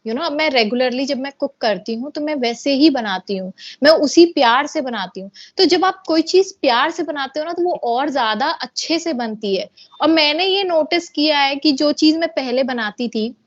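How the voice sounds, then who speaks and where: A woman's voice: high-pitched, animated, normal speed, no room sound, muffled recording. A woman hosting a casual chat, asking questions and mixing English into her talk. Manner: conversational, asks questions, mixes English into Hindi.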